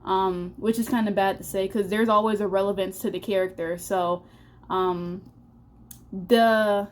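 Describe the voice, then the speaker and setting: A woman's voice: medium pitch, fairly even intonation, a little slow, a little hiss or hum. A young woman in a casual book review vlog, chatty and rambling, with many fillers and restarts, a little out of breath. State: slightly out of breath. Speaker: book vlogger.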